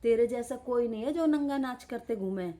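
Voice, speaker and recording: A woman's voice: a little high, moderate pace, mellow. A woman live streaming from bed, scolding and insulting someone in an angry roast rant. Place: lying in bed.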